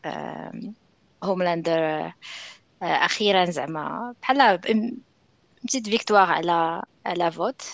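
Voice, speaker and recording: A man with a Moroccan accent hosting a casual TV recap, speaking in halting phrases with pauses. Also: high voice, vocal fry, fairly bright tone, no echo, lo-fi sound. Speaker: podcast host.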